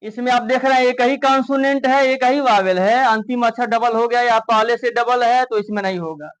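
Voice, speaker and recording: Male teacher, Hindi accent, very high voice, patient step-by-step explainer. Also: highs cut off. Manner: explains step by step, often slowing to spell out words. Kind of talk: grammar lesson explaining a chart.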